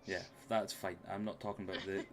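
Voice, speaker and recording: A Scottish game master running a tabletop game on a live stream mic banters, jokes and swears a lot before moving into a recap. His low voice is level in tone and brisk, with crowd noise around him.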